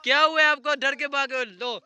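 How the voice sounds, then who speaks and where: High bright young man vlogging. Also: moderate pace. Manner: excited, chatty, teasing, often repeating himself. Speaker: vlogger host. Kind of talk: casual outdoor vlog chat. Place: outdoors at night with friends.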